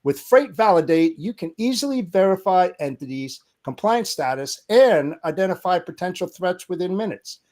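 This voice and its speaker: A man's voice: sits high, animated, moderate pace, few pauses, darkish tone. A man co-hosting a podcast and reading a scripted sponsor message. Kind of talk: scripted ad read.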